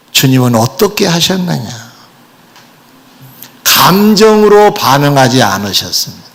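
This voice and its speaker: A pastor delivers an animated sermon, addressing the congregation with rhetorical questions. He has a high voice with vocal fry.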